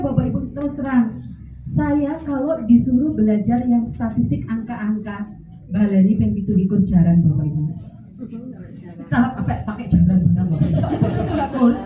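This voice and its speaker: A woman with a Javanese accent giving an animated, joking workshop talk to teachers. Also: high-pitched. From Central Java. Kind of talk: lively lecture to an audience. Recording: echoey hall, mic at a distance, faint noise.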